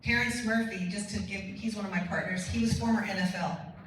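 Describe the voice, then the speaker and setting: Woman, keynote speaker, lively storyteller; distant mic, very echoey hall. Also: mid-range voice, fairly quick, noisy background. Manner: energetic storytelling with quoted dialogue. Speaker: motivational speaker. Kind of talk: conference keynote speech. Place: large conference hall.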